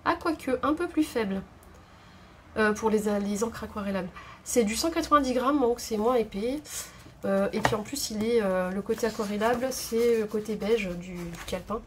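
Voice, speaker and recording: A woman's voice: mid-range voice, normal speed, a little hiss or hum. A woman hosting a craft video at home, chatting casually and thinking aloud with many hesitations. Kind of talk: casual tutorial chat. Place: home craft table indoors.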